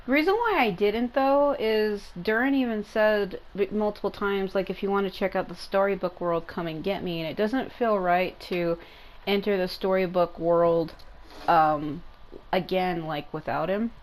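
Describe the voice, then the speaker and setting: A gaming content creator speaks at medium pitch and a moderate pace, casually explaining gameplay in a meandering way and rewording herself often. A little hiss or hum is audible, along with video game music behind her voice.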